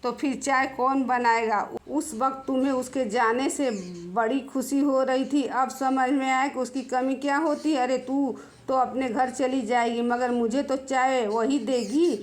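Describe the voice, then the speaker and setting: A woman's voice: sits high, fairly even intonation, a little slow. Woman voicing a stern scolding mother-in-law. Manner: harsh, scolding.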